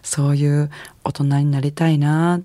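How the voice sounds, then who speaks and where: A middle-aged woman with a Kansai accent, a singer hosting a radio music show in a relaxed, chatty, rambling way. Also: low-pitched, moderate pace, no room sound. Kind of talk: casual radio DJ talk.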